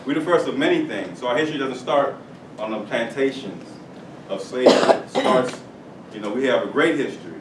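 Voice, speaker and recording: A young man holds forth to a room of schoolchildren, lively and playful, pulling them into call-and-response. He is picked up from across a reverberant room by a distant camera, with steady background noise. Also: medium pitch, fairly quick. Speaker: guest speaker at a school career day. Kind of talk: motivational talk to children. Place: school classroom or hall.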